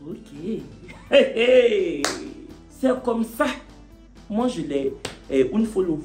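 Lively, teasing man. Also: high-pitched, slow, soft background music. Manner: dramatic, teasing, bursts into shouted interjections and song. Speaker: online commentator. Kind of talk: animated commentary.

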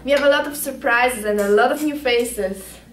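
A woman's voice: fairly high pitch, moderate pace, roomy sound, distant mic, slight background noise. A young adult woman co-anchoring a school news show in an easygoing, joking way. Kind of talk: scripted school news presenting.

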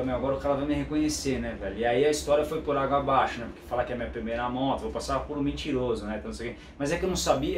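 Fast-talking storyteller. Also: male voice, on the high side. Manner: animated, acts out both sides of conversations. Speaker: motorcycle vlogger. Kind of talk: casual storytelling. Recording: roomy room, mic at a distance, faint background hum.

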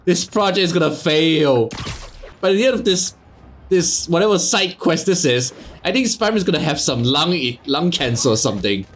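A man's voice: on the high side, expressive, normal speed. A man giving joking, casually swearing game commentary with mock exasperation. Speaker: gameplay video maker and commentator. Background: video game music.

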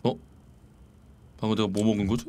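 A man in his twenties, commentating a horror game he is playing, talking back to the characters and yelling when startled. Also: on the low side, little pitch movement, brisk, a little hiss or hum. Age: 20s. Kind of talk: casual gameplay commentary.

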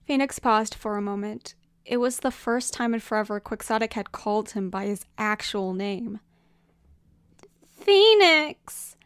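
Woman narrating a story, smooth. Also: mid-range voice, fairly even intonation, moderate pace, no echo, clean studio sound. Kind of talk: fan fiction audiobook reading.

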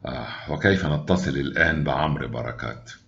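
A man reading as a calm, loyal friend. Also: a bass voice, gravelly, muffled recording, voice pushed down, exaggerated voice. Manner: measured, reassuring. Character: calm loyal middle-aged male friend. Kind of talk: storytelling read-aloud.

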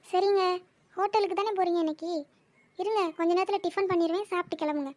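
A woman voicing a high, fretful cartoon mother. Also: fast talker, dark tone, dry recording. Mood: gentle. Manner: scolding, complaining. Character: fretful mother of three daughters. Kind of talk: animated cartoon voice acting.

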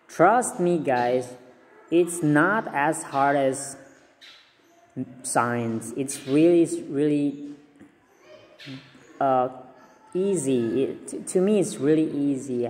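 Slow and mellow, with a Cambodian accent and a voice on the higher side, this young Khmer-native vlogger casually talks to camera about language. Earnest, he keeps repeating words and starting over; his arm's-length phone in a small indoor room captures a large-hall sound.

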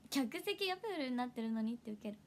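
A young woman with a chats casually to her livestream viewers. She speaks with a fairly high voice, giggling often and sometimes dropping into a soft whisper. She sounds close to the mic. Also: sing-song, quick pace, a little hiss or hum. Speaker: idol livestream host.

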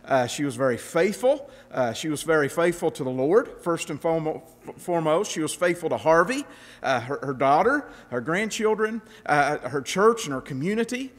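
A man's voice: on the high side, expressive, normal speed, long reverb tail. A male pastor casually giving church announcements from the pulpit, with frequent "uh" fillers.

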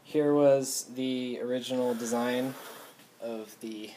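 A man's voice: mid-range voice, steady tone, takes it slowly, warm tone, slight background noise. A young man in his garage, casually walking through his projects and explaining each piece as he goes. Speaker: hobbyist vlogger. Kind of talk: casual show-and-tell. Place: home garage, indoors. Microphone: handheld camera.

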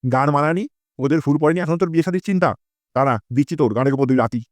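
Speaking rapid-fire in a slightly high voice, a man plays an angry, crude cartoon father in comic Bengali voice acting, cursing and threatening his son. The performance is lightly acted, with no room sound.

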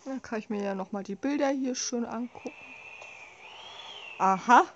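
A woman's voice: a little high, moderate pace, highs cut off, a little hiss or hum. A woman giving casual, wry, sarcastic commentary as she plays a horror game. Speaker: let's play host.

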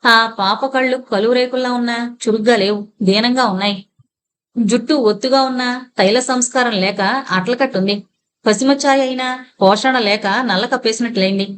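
Woman reading a suspense audio novel, steady scripted narration, does all the voices. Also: fairly high pitch, a little fast, a little hiss or hum. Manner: reads every character's lines herself.

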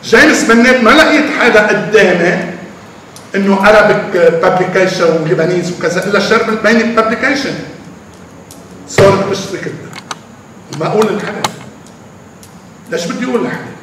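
An older man speaks, in a fairly high voice for a man. He answers as a poet in an emphatic storytelling way. The sound is recorded from far off in a big echoing hall. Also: animated, brisk, long pauses. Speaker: poet being interviewed. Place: large echoey hall. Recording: echoey hall from far off, faint noise.

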